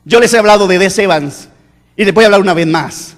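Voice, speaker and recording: A middle-aged man preaching a sermon as pastor, swinging between fervent shouts and low, quiet asides. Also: fast. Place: church sanctuary. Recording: long church reverb.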